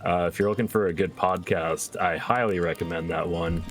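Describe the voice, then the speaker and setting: Low-voiced man chatting as a podcast guest. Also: fairly even intonation, normal speed, faint music behind. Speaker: guest streamer. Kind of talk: casual chat.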